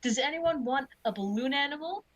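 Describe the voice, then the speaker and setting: An Australian woman voicing a cheerful, goofy clown who entertains children, in a bright sing-song way. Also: sits high, animated, fairly quick, muffled recording, voice pushed up.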